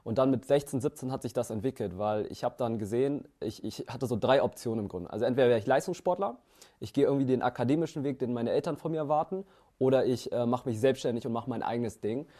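This German founder and CEO in his twenties has a mid-range, mellow voice and talks quickly. Guesting on an interview, he responds casually, full of fillers and false starts.

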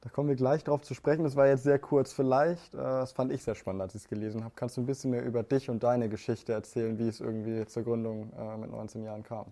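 A man hosting an interview, asking questions in a quick, chatty way. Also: mid-range voice, little pitch movement, mellow. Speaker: podcast host, interviewer.

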